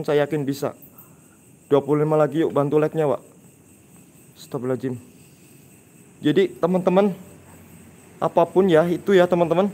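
A man hosting a live night-time ghost-hunting stream, talking in a hushed, urgent voice and often murmuring religious exclamations to his viewers. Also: on the high side. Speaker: ghost-hunting livestream host. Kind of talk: live paranormal ghost-hunt narration. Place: dark building at night, outdoors nearby.

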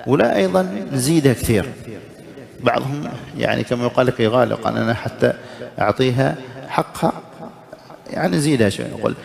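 A man teaching a recitation lesson as a sheikh, explaining each error, chanting the examples slowly and putting short questions to the listeners. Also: mid-range voice, expressive, vocal fry. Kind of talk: religious lesson.

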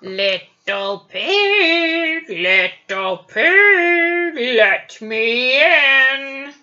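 A woman voicing a menacing big bad wolf in a children's storybook reading, chanting slowly and loudly. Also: expressive, heavily acted. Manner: slow drawn-out booming chant. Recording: dull lo-fi recording.

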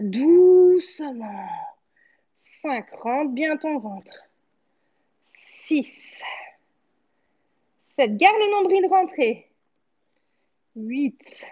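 High-pitched woman coaching a workout. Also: lo-fi sound. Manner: short encouraging commands, cueing while exercising. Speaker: fitness coach. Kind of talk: instructing a home workout, counting repetitions. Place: living-room home studio, indoors.

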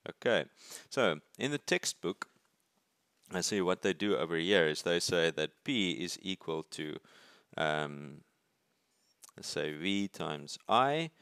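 Male engineering lecturer, very low voice, dry close sound, talking through sketches with frequent restarts and "right?" check-ins. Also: animated, slow pace, long pauses, fairly bright tone, clear, resonant tone, dry recording. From South Africa. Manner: thinks aloud, restarts words, asks "right?". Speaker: university lecturer. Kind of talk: explaining while drawing circuits. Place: at a desk, filming paper from above.

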